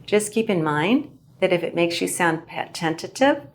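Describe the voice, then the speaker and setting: A woman instructor giving a clear, measured lesson on how to present well. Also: lowish voice, slight background noise. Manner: clear, measured teaching delivery. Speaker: English language instructor. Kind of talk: instructional video narration.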